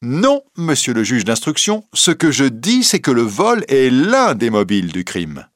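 A man's voice: medium pitch, huge pitch swings, unhurried, dry recording, studio quality. Cocky young reporter, precise and assured, voiced by a man. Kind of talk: audiobook character reading.

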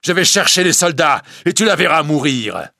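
A man's voice: fairly low pitch, very animated, unhurried, gravelly, a bit bright, husky, dry recording, studio quality, exaggerated voice. A man reading a story aloud, voicing a tormented, obsessive male priest who pleads and threatens with passion. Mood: furious shouting. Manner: passionate, pleading then menacing.

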